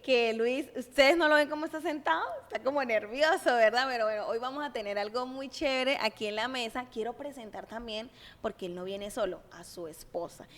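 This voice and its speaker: A woman hosting a church livestream talk show, upbeat and welcoming, playful with her guests. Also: a little high. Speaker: host. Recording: reverberant hall.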